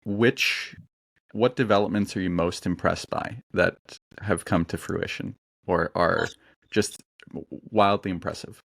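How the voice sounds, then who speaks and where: Podcast host: a man with a low voice, dry close sound, easy questioning manner. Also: fairly even intonation, a little slow, gravelly, fairly bright tone, no room sound. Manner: asks conversational questions with fillers. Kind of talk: casual interview chat.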